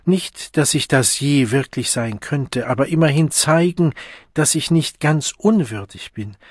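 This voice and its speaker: A man voicing an earnest, overwrought young man in love who pleads and quotes verse in an audiobook reading, in a slightly husky voice. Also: on the high side, animated, measured pace, no echo, studio quality. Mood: pleading. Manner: pleading, impassioned, quoting verse.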